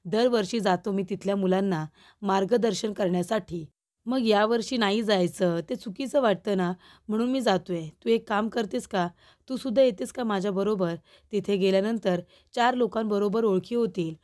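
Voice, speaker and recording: A woman voicing a gentle older family uncle in a serial recap, reading his coaxing lines. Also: mid-range voice, moderate pace, natural voice.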